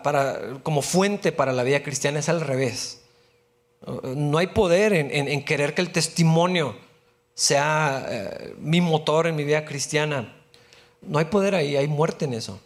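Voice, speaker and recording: A man preaching a sermon as pastor, earnest, often restarting his phrases, then leading a prayer. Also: on the high side. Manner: earnest, repeats words when restarting phrases.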